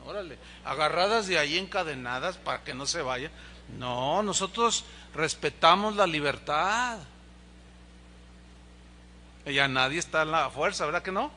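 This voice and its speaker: A man's voice: a little high, pushed and bright, slight background noise. A man, a pastor preaching a conversational sermon in a church, asking the congregation rhetorical questions and acting out quoted dialogue. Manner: acts out dialogue in quoted voices.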